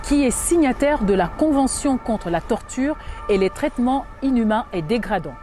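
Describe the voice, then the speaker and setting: A woman's voice: fairly high pitch, expressive, dark tone, faint music behind. Formal woman from DR Congo. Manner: formal and measured. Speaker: human rights lawyer. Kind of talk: prepared awareness statement.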